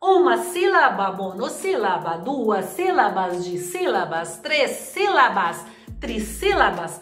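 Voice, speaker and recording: A woman teaching a grammar video lesson, drawing out example words slowly to stress their syllables. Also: mid-range voice, sing-song, fairly bright tone, reverberant, faint music behind.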